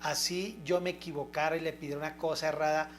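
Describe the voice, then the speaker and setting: A woman's voice: low-pitched, steady tone, quick pace, a little hiss or hum. Older woman preaching homely sermon. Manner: homely, chatty, often checks listeners understand. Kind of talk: informal sermon.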